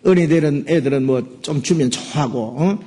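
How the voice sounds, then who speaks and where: A man's voice: on the high side, brisk, warm tone. A middle-aged man preaching a sermon as pastor, often checking in with his listeners with "eh?" and "right?". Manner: frequent "예?" and "응?" prompts to the listeners; acts out Moses' angry words in a raised voice.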